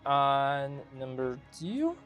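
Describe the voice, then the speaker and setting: A man's voice: mid-range voice, very animated, extremely slow, fairly bright tone, faint music behind. A man running a tabletop game as game master, playful and fond of silly sound words.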